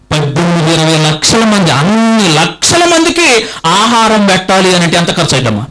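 High-voiced, bright preaching man. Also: low-quality recording. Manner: rhetorical questions to the congregation; animated, emphatic repetition. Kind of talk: sermon.

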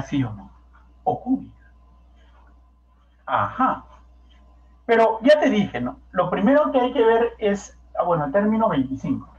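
Coaxing, questioning math teacher. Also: male voice, sits high, darkish tone. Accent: Peruvian Spanish. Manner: coaxing, peppered with rhetorical questions. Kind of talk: classroom lecture. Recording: echoey, dull lo-fi classroom recording.

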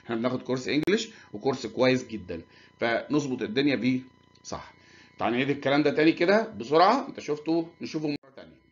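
A man's voice: medium pitch, lively intonation. Egyptian man teaching English grammar, lo-fi. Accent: Egyptian Arabic. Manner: reads English examples slowly, then explains quickly. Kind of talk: grammar lesson explaining English in Arabic. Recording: dull lo-fi recording.

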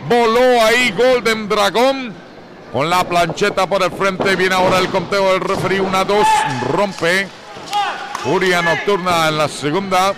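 A man doing live wrestling commentary as a play-by-play announcer, colorful and excitable, with drawn-out exclamations. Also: high-pitched, a loud crowd. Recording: clearly noisy live venue recording.

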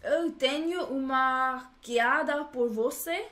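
A woman's voice: high-pitched, takes it slowly, fairly bright tone. A woman vlogger chatting playfully as she repeats words from a language lesson. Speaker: vlogger learning Portuguese. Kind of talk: casual chat, repeating phrases after a lesson.

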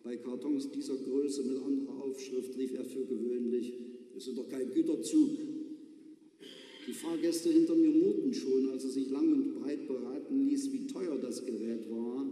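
A man's voice: medium pitch, fairly even intonation, moderate pace, hardly any pauses, warm tone. A man from East Germany reading his own humorous story aloud in a dry, understated way at a live event in a large church. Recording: echoey church from far off.

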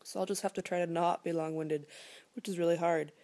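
A woman's voice: on the low side, fairly even intonation, fairly quick, mellow. A woman in her twenties chatting casually to camera as a vlogger, rambling with many fillers and at times dropping to a whisper, filmed close-up at home in a living room. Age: 20s. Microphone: phone or laptop camera held close.

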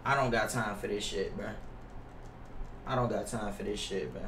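With a steady tone and moderate pace, a young male livestreamer chats casually and reacts to a basketball video game, slangy, profane and full of complaints. His middle-pitched voice is off-mic, echoing in the room amid noise and keyboard clicks.

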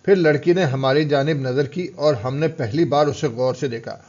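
A man's voice: medium pitch, darkish tone, lo-fi sound. Man narrating a novel audiobook.

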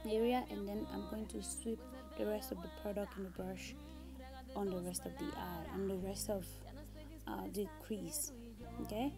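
A young woman chatting casually as a beauty vlogger giving a makeup tutorial, recorded on a phone in a room at home. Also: medium pitch. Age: young adult. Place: small room at home, indoors. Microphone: smartphone at about arm's length. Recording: music playing behind the voice. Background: background music.

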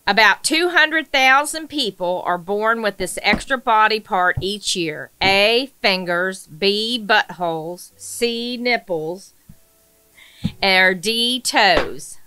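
A woman co-hosting a casual game night, reading quiz questions aloud slowly and giggling at her own lines. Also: mid-range voice, animated, pushed and bright, clear, resonant tone, dry recording, low-quality recording. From American South. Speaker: quiz reader and co-host.

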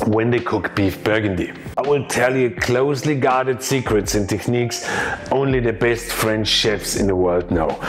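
Chef in his forties, slightly low voice, explains recipes eagerly to camera in a kitchen. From Austria. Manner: chatty, emphatic, explanatory. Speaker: chef and cooking teacher. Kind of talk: cooking lesson. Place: home kitchen, indoors.

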